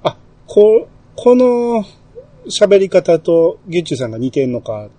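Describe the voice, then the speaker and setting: A man's voice: sits high, a little slow. Chatty man with a Kansai accent. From Kansai, Japan. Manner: relaxed, chatty, many fillers and small laughs. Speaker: podcast host. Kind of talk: casual podcast chat.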